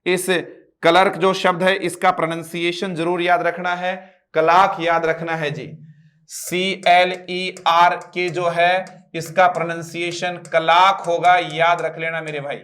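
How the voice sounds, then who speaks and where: A man with a Rajasthani Hindi accent teaching English grammar, reading example sentences slowly and drilling his students with frequent check-ins. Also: fairly high pitch, flat delivery, fairly bright tone. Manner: drills students, repeats "ठीक है" and "मित्रों". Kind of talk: classroom lesson.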